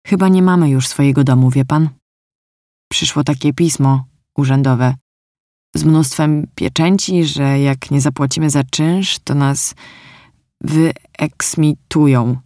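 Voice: medium pitch, steady tone, takes it slowly, a little mellow, no room sound, studio quality. A storyteller voicing a trusting, cheerful young girl in an audiobook, speaking earnestly and plainly. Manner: earnest, artless.

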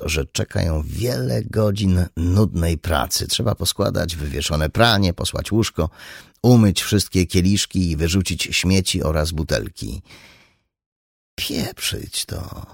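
A man narrating an audiobook in an expressive, dramatic reading style. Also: low-pitched, vocal fry, no room sound, clean studio sound. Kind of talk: scripted narration.

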